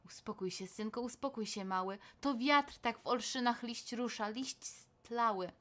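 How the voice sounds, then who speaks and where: A woman voicing a calm father who reassures his son in a gentle, lowered tone. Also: slow. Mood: soothing.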